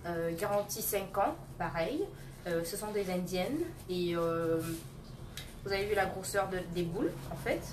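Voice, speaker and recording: A woman's voice: fairly low pitch, measured pace. A woman running a live online auction of hair extensions, teasing bidders by name and repeating the prices. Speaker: live-stream hair seller. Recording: roomy echo, distant phone mic, faint noise.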